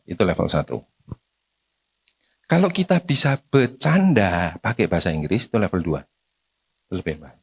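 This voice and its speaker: A man giving a casual seminar talk to parents, conversational, forever tossing tag questions at the audience. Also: mid-range voice. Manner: acts out short everyday dialogues.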